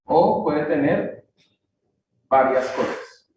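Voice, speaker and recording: Slow, high-voiced man teaching grammar, echoey. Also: a little mellow. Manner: checks in often with short questions, repeats key words slowly. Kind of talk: classroom grammar lesson. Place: church classroom. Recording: echoey room, distant mic, faint noise.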